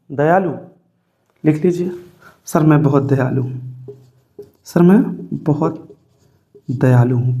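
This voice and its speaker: In a slightly high, mellow voice, a man teaches English grammar classroom-style, sprinkling English terms into his talk. He repeats himself and coaxes viewers with questions, calling them brother and sir, dictating notes and telling them to write things down.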